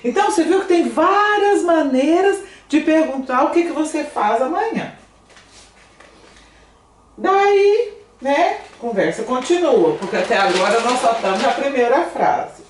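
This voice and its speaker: A woman with a Brazilian Portuguese accent who teaches French, explaining in a chatty, animated way and often asking "né?". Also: high voice, unhurried. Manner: chatty, animated, asks "né?" a lot. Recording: echoey room, somewhat distant mic.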